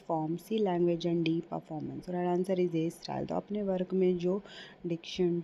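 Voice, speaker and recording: A woman goes through an exam quiz option by option, in a low, mellow voice. She reads the questions out slowly and explains them more quickly in Hindi. The recording is dull and lo-fi, with a faint hiss behind her. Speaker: exam prep teacher. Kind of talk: quiz-style lesson reading out multiple-choice answers.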